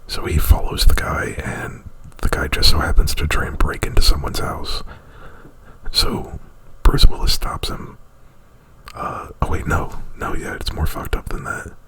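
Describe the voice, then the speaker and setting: This male ASMR performer whispers breathily very close to the microphone, rambling informally through a retelling with plenty of "like" and cursing. His tone is sharp, his pace a little slow, and the audio is poor.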